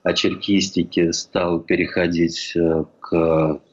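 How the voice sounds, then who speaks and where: An older man from St. Petersburg telling a measured, reflective memoir as a historian recalling a colleague. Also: deep voice, flat delivery, slightly rough. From Russia, St. Petersburg. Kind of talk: memoir lecture. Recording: dull lo-fi recording.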